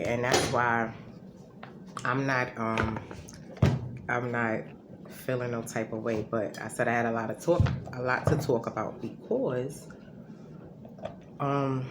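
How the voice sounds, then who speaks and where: A woman vlogging from her home, talking in a casual, rambling way and correcting herself as she goes. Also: very deep voice. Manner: rambling, self-correcting, conversational. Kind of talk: casual talking-to-camera monologue. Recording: noisy home recording.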